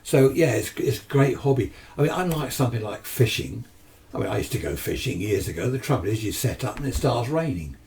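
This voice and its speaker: A British man in his seventies, an amateur radio hobbyist, chats casually and enthusiastically to camera, rambling and answering his own questions. His mid-range voice is darkish with vocal fry, lively intonation and a slightly fast pace. The distant microphone picks up a little hiss or hum.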